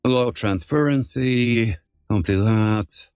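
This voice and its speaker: A man's voice: lowish voice, slow, a little mellow, clean tone, dry recording, clean studio sound, faint music behind. A man streaming live through a voice changer, chatting casually with rambling, filler-heavy sentences that often restart. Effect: voice changer altering his voice.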